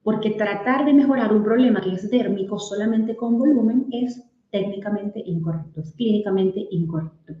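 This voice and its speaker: A woman's voice: medium pitch, normal speed, hardly any pauses, muffled recording. Woman doctor lecturing in an echoey room. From Venezuela. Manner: explanatory, addressing colleagues with case examples. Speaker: aesthetic medicine doctor giving a webinar talk. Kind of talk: clinical lecture.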